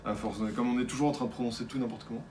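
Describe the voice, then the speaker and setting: A man's voice: medium pitch, fairly even intonation, very fast, darkish tone, slight background noise. A man co-hosting a casual shop video about new manga, enthusiastic and rambling with hesitations. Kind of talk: casual chat presenting new manga releases. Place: shop indoors.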